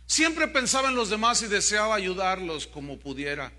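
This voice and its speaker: A man's voice: high-pitched, big pitch swings, normal speed, pushed and bright, exaggerated voice. A man voicing a grieving widowed mother who sobs and pleads with questions. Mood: anguished. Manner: sobbing cries, pleading questions.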